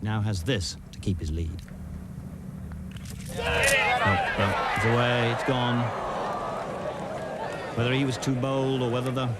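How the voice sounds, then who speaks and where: A man's voice: medium pitch, fairly even intonation, a little slow, long pauses. A man giving live television golf commentary in short phrases, exclaiming and reacting to each shot as it happens. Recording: outdoor crowd noise over archive broadcast. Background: loud crowd and outdoor ambience.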